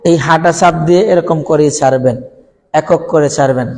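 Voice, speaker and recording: A man's voice: on the high side, fairly quick, a little mellow. A man teaching a Quran recitation training lesson, explaining sounds step by step and putting questions to his listeners. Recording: hall with long reverb.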